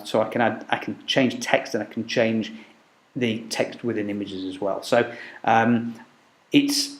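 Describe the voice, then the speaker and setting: Halting man demoing software. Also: mid-range voice. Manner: halting, many fillers and restarts. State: losing his voice. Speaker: software demo presenter. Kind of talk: unscripted product walkthrough. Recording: echoey room.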